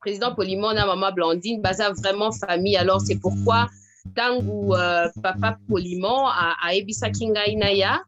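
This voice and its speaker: A woman's voice: medium pitch, brisk, fairly bright tone, lo-fi sound, faint music behind. A young woman from the Democratic Republic of Congo, a medical doctor, speaking as a guest on a video call, hesitant with many fillers as she switches between languages. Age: young adult.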